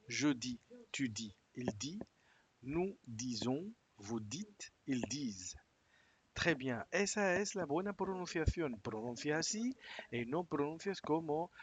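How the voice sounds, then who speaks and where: Slow, patient man teaching verbs. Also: mid-range voice, a little hiss or hum. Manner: slow, repeats words and conjugations for learners. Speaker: French teacher. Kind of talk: language lesson, modeling pronunciation. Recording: slightly dull, lo-fi sound.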